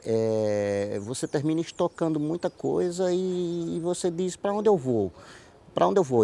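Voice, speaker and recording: A writer and playwright from Paraíba in northeastern Brazil answers interview questions conversationally, explaining things and repeating words as he hunts for phrasing. His Northeastern Brazilian accent comes through in a fairly low, gravelly, warm male voice.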